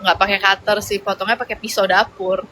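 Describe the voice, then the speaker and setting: Bright-voiced young woman chatting on a livestream. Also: mid-range voice, flat delivery, brisk, slight background noise, low-quality recording. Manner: chatty and rambling, with slangy fillers. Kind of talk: casual livestream chat, reading viewer comments.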